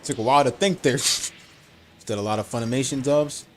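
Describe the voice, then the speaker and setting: A man's voice: mid-range voice, moderate pace, fairly bright tone, a little hiss or hum. A man chatting casually on a live game stream, rambling and opinionated.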